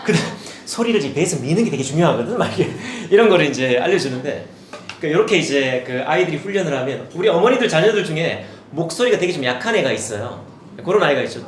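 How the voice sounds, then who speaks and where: A man in his forties presents to parents in a seminar hall, his slightly high voice rising and falling with animated emphasis. He demonstrates drills as though coaching children. The sound carries a roomy echo with faint background noise. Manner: demonstrative, switches into a lively teacher voice for children. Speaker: education director presenting to parents.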